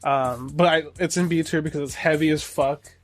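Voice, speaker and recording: A man's voice: fairly high pitch, fairly even intonation, moderate pace, soft background music. A man co-hosting a podcast, chatting casually in an enthusiastic, profane, rambling way with lots of fillers. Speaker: podcast co-host. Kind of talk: casual chat.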